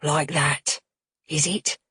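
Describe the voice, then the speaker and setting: A woman's voice: lowish voice, unhurried, husky, no room sound, studio quality. A woman voicing a crude, menacing middle-aged father who sneers and needles everyone at the table. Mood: sneering.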